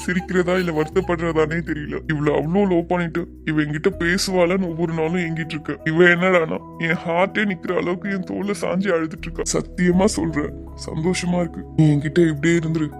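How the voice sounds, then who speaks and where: A woman's voice: on the low side, steady tone, brisk, over music, close to an everyday voice. Woman voicing a protective young cartoon hero. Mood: reassuring. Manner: reassuring, earnest. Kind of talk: cartoon voice acting.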